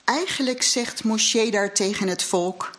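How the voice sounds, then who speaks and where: A woman's voice: mid-range voice, measured pace. A woman giving an earnest, reflective sermon in a church hall, weaving scripture with her own experience. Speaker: lay speaker at a congregation. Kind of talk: sermon with personal testimony.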